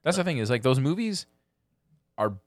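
A man's voice: medium pitch, very animated, moderate pace, no echo. A man co-hosting a podcast in casual chat, laid-back and drawn out, full of filler words. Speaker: podcast co-host.

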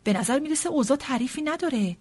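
A woman's voice: sits high, expressive, a little mellow, voice pushed up. A woman doing a dry, ironic old father. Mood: wry. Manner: unhurried, ironic, measured. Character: calm, dry, wry older father. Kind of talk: audiobook character reading.

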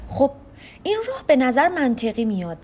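Woman podcast teacher, highish animated voice, faint hiss behind, walks listeners through each step. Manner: explains step by step, addresses listeners as friends. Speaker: podcast host teaching French. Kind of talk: podcast lesson on pronunciation.

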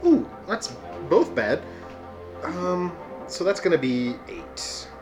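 A man's voice: sits high, big pitch swings, slow, music in the background. A man chatting casually as a player in a tabletop role-playing game.

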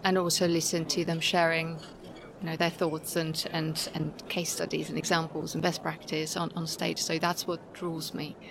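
A woman's voice: sits low, flat delivery, moderate pace. A woman consultant giving a conversational interview answer as an event attendee. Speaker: conference attendee, learning consultant. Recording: live in noisy crowded venue. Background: clear venue noise.

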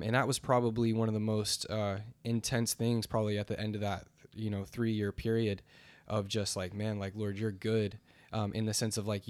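A man's voice: on the low side, darkish tone, smooth, no echo. A young man sharing a faith testimony in casual chat, earnest and rambling, with many fillers and restarts.

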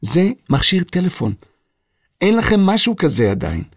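A man's voice: high voice, big pitch swings, no room sound, clean studio sound, pitched above the performer's own voice. A man voicing an impatient, anxious young girl in a children's audio story. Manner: impatient, tense, questioning.

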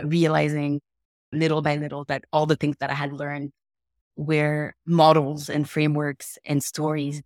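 Earnest Moroccan-born woman, flat delivery. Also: deep voice, no room sound, clean studio sound. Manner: earnest, thoughtful, with small laughs. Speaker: podcast guest. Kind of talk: reflective conversational interview.

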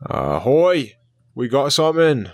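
A man voicing a ship's lookout in a tabletop game, shouting out a hail from the crow's nest. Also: mid-range voice, sing-song, a little slow, pitched above the performer's own voice. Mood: excited alert.

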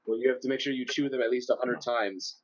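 A man's voice: medium pitch, steady tone, quick pace, dull audio, noisy background. A man chatting casually with friends as a regular on a gaming podcast. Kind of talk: casual chat.

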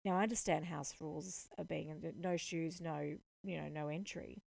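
A woman hosting a podcast, retelling a personal story in a lively, indignant way and voicing the dialogue. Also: low-pitched, normal speed, creaky. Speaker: podcast host. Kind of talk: storytelling monologue.

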